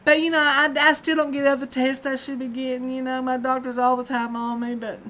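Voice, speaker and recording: Her high-pitched voice is flat, fairly quick and fairly bright: a woman in her 50s vlogging casually indoors in a dim room at home, rambling and frequently laughing. A close-range webcam captures her.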